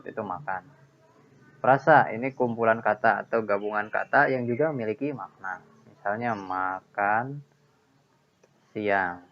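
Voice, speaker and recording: A man's voice: lowish voice, a little hiss or hum. Man, teacher, grammar lesson, patient, repeats points, dull lo-fi recording. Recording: dull lo-fi sound.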